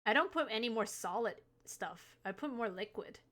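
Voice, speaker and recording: A woman's voice: on the high side, expressive, moderate pace, fairly bright tone. A young adult woman hosting a live stream, chatting casually and teasing, laughing often. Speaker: livestream host.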